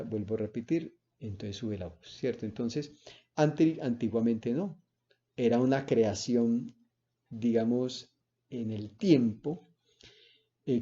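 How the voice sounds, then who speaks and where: Male lecturer, very dark warm voice, seminar talk full of "eh" and "¿cierto?", slightly dull recording. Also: medium pitch. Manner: explains with spoken examples and frequent "¿cierto?" and "eh".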